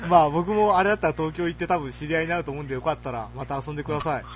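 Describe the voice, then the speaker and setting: A man's voice: on the high side, rapid-fire, highs cut off, noisy background. Teasing young man hosting a call-in. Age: young adult. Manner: teasing, laughs often. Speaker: radio show host. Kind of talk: casual call-in radio chat.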